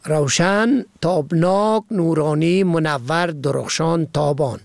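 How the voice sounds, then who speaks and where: A man reads a vocabulary and usage lesson, measured and precise, spelling words out letter by letter. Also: on the high side, gravelly, no echo. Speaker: language teacher.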